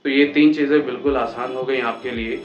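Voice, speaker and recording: A man in his twenties from Patna, India, teaching how to introduce yourself in English and slowing right down for each example sentence. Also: medium pitch, steady tone, muffled recording. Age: 20s. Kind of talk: Hindi-language lesson on English phrases. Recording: echoey room with faint music.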